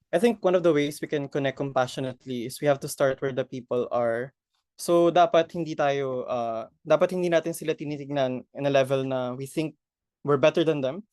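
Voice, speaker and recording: A man's voice: mid-range voice, darkish tone, no echo, clean studio sound. A man with a Filipino accent, a panelist answering a question thoughtfully on a video call and switching between languages. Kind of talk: online forum answer.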